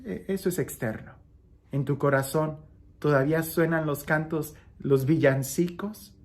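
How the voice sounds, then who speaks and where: Expressive priest preaching a homily. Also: male voice, fairly high pitch, measured pace. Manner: expressive, swings from lively raised passages to soft hushed ones; repeats phrases for emphasis. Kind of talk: daily gospel homily.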